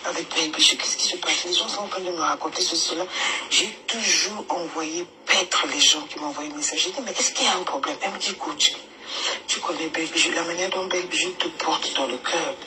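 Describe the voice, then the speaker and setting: A woman's voice: low voice, a little fast. A woman coach speaking in a voice message played back from a phone, hesitant, with many fillers and restarts. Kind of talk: casual spoken voice note. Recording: noisy voice message playback.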